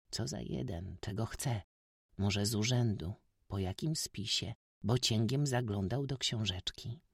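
Lively male audiobook narrator, dry close mic. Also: lowish voice, dry recording. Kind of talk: scripted narration of a classic novel.

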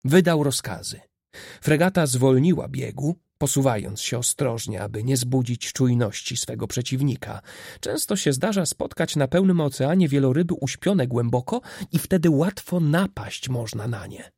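A man reading a classic adventure novel as an audiobook, with steady, expressive storytelling. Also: medium pitch, normal speed, vocal fry, breathy edge, dry recording, clean studio sound. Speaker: narrator.

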